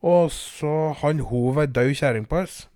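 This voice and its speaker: A man voicing a loud, crude country woman who rambles, swears and boasts. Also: a little high, no echo, studio quality, natural voice. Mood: gossiping.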